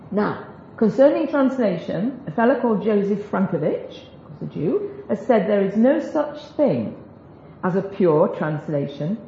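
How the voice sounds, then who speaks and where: A woman teaches a group about biblical Hebrew in a relaxed, chatty way, tossing in self-deprecating jokes during this informal Bible talk. Her voice is on the high side. The recording is roomy and echoey, with a dull, lo-fi sound and a faint hiss underneath.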